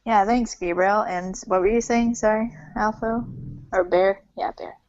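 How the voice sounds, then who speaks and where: A woman's voice: mid-range voice, fairly even intonation, measured pace, a little mellow, dry recording. A woman hosting a casual chat, rambling and filling her talk with "like", a little self-conscious about it. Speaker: host. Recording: dull lo-fi sound.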